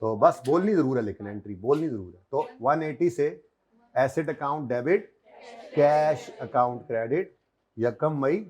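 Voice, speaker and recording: A man leads an accounting class in a room with a board, chatting with students, quizzing them and teasing them a little. He has a Pakistani Urdu accent and a mid-range, slightly mellow voice with lively intonation and an unhurried pace.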